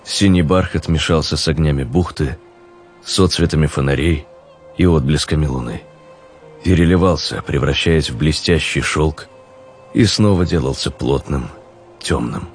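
A man narrating an audiobook in a measured, descriptive storytelling manner. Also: very deep voice, soft background music.

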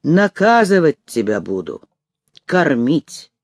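A coarse, menacing middle-aged husband growls spiteful, mocking orders, as a male reader plays him. His voice rises and falls in a lively way. It is recorded close and dry, like a studio audiobook. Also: a little high, takes it slowly, no room sound, pitched below the performer's own voice, exaggerated voice.

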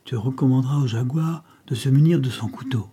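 A man's voice: medium pitch, brisk, dark tone, husky, lightly acted. A man reading the part of a scheming older male gang chief who gives menacing commands.

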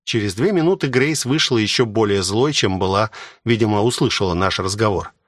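A man's voice: fairly low pitch, lively intonation, fairly quick, dry recording, clean studio sound. A man narrating an audiobook in a cool, matter-of-fact way.

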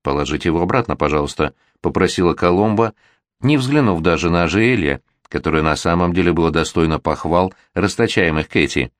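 A man narrating an audiobook in a measured, expressive way. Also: sits low, no echo, clean studio sound. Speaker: audiobook reader.

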